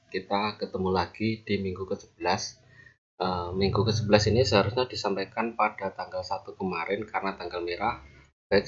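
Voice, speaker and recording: A male university lecturer explaining engineering formulas step by step, with measured pauses as he reads each formula aloud. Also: lowish voice, a bit bright, husky, lo-fi sound. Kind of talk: recorded online lecture.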